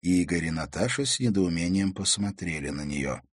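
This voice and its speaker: A man narrating a novel as an audiobook in a measured storytelling manner. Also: low-pitched, lively intonation, husky, no room sound, studio quality. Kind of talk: scripted narration.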